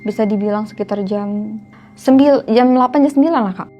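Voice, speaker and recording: A woman's voice: mid-range voice, brisk, dark tone, dull audio, faint music behind. A young woman, telling a horror story casually to a host, often addressing the host as "Kak". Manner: chatty, keeps addressing the listener as "Kak". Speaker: guest storyteller.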